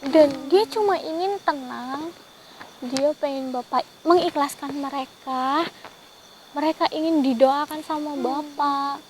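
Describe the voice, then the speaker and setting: A woman investigating the paranormal, who pleads gently and keeps addressing the man she is talking to with a polite title. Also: high voice, unhurried, slight background noise, poor audio. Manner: gently pleading, repeats "Pak" often. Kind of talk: vlog. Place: outdoors in a forest at night.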